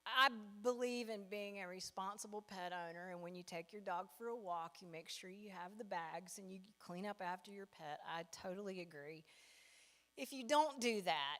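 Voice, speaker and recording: A woman's voice: medium pitch, a bit bright. A woman doing a stand-up comedy set, telling stories and acting out the people in them. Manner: storytelling, acts out characters with big voice swings. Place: church hall with a live audience. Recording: long reverb of a large hall.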